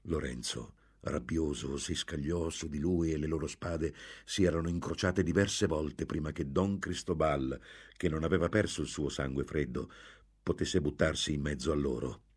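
A man's voice: normal speed, slightly rough. A man reading a story aloud, giving each character a voice. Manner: voices each character with raised pitch and force. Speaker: narrator. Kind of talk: dramatic audiobook reading.

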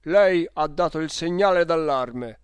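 Storybook bit: reader as firm, loud railway officials, dry booth sound. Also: medium pitch, normal speed, smooth, no room sound, lightly acted. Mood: accusing. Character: stern male railway officials. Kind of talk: audiobook character voice.

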